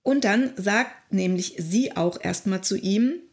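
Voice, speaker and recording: Animated woman in casual commentary. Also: mid-range voice, slow pace. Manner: conversational, animated, quotes in voices. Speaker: presenter discussing fairy tales.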